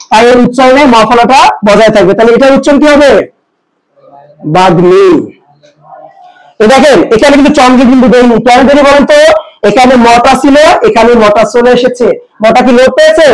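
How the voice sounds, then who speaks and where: Teacher, man, very high pitch, asks rhetorical questions, repeats rules slowly. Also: low-quality recording. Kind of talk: pronunciation lesson.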